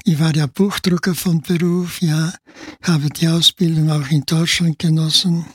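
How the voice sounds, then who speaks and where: Husky old Spanish-accented priest. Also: male voice, fairly high pitch, little pitch movement, no room sound. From Spain. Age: 90s. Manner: halting, with frequent filler "ja" and restarts. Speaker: priest guest. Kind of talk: radio interview.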